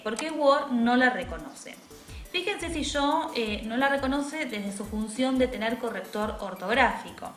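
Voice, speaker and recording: A woman teacher, patiently explaining a software tutorial step by step and checking in with tag questions. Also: a little high. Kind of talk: screen-recorded software tutorial. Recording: echoey room with faint music.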